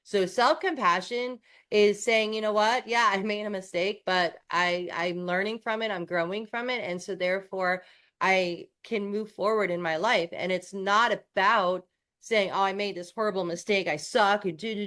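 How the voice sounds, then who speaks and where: A woman's voice: mid-range voice, fairly even intonation, moderate pace, fairly bright tone. A woman from New York co-hosting a coaching podcast, chatting casually with restarts and self-deprecating asides.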